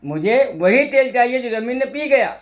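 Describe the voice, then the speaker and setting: A man's voice: extremely high pitch, fairly even intonation, brisk. A pleading old woman, as a preacher quotes her. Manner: plaintive, insistent.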